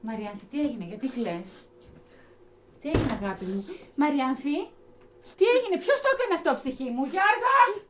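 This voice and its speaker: A woman's voice: fairly high pitch, pauses often, noisy background, natural voice. An actress playing a tender middle-aged mother who speaks in a soothing, pleading way. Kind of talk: drama film dialogue. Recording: film score loud beneath.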